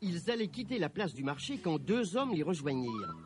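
A man tells a children's fairy tale in a bright, high voice. He narrates expressively, rising and falling a lot. Soft music runs faintly behind. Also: normal speed. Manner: expressive, animated. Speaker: storyteller. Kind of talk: storybook narration.

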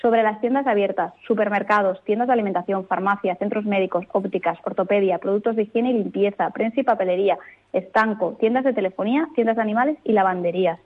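A woman legal expert speaking as a radio guest, explaining rules in a clear, firm, methodical way. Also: mid-range voice, fast talker. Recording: tinny phone line.

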